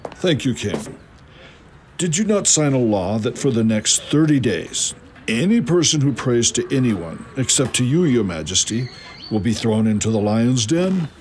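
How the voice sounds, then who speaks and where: An actor playing a deferential, nervous scheming official in a theatrical Bible drama. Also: male voice, medium pitch, very animated, measured pace, a little mellow, a little hiss or hum.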